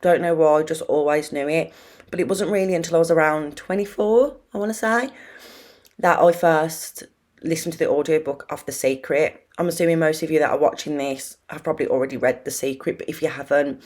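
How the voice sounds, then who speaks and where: A young British woman with a deep, darkish, slightly wheezy voice speaks briskly as host of a self-help video. She chats informally with viewers in a rambling, confiding way.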